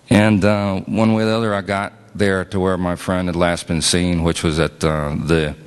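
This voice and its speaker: A man's voice: low voice, in a large hall. A man telling a personal story to an audience in a casual, plainspoken way with frequent fillers. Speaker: invited speaker and musician. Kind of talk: storytelling talk.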